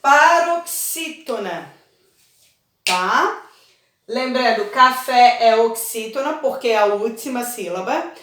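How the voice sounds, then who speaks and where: Woman teacher, high voice, slow patient delivery, heavy echo, mic far off. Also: a bit bright. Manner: patient, explains step by step, checks understanding often. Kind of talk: recorded online class lesson. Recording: very echoey room, voice from far off.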